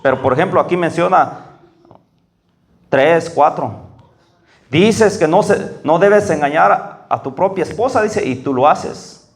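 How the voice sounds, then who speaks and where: A man giving a conversational sermon, often checking in with the congregation and slowing down to read scripture aloud. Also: reverberant. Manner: slows down and rises in pitch when reading scripture. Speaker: preacher. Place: church hall.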